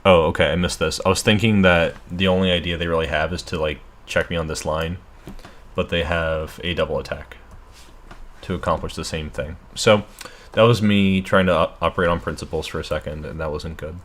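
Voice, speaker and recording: A man's voice: deep voice, steady tone, fairly quick, fairly bright tone. A man thinking aloud through a chess game as a streamer, muttering asides while losing his voice. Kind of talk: casual live game commentary.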